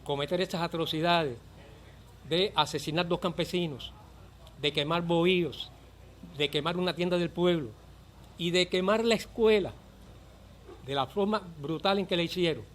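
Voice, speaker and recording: An older man with a Cuban accent, a former volunteer teacher giving earnest, measured testimony for a documentary. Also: on the high side, a little hiss or hum.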